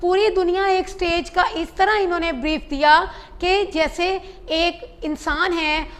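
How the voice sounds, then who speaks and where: A woman teaches an English lesson in a very high voice. She takes her time, reading each English line slowly and then explaining it in Urdu. She breaks words apart into syllables as she teaches. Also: fairly even intonation, fairly bright tone.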